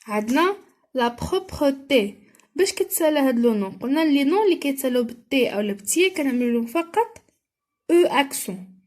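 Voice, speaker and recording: A woman with a Moroccan accent, explaining a French lesson and reading sentences slowly and carefully, as in a dictation. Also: high voice, animated, a little mellow. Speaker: teacher.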